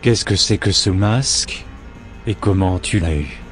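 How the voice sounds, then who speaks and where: A man's voice: low-pitched, expressive, a little slow, soft background music. A man voicing a worried mother in a horror story reading, anxious and questioning. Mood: uneasy. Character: worried mother, adult woman.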